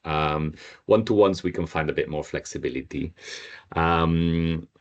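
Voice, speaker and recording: Very low-voiced man teaching Spanish. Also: measured pace, dull audio. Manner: patient, repeats learners' answers. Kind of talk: online group language lesson.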